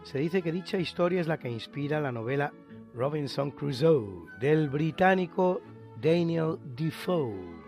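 A man's voice: on the high side, lively intonation, a little slow, a little mellow, soft background music. A male radio presenter reading a scripted history almanac, announcing dates and facts.

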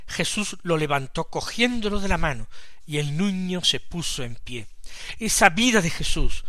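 A man from preaching a radio Gospel reflection, slow and measured, with sudden emphatic swells in loudness. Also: a little high, animated, no echo. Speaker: preacher commenting the daily Gospel.

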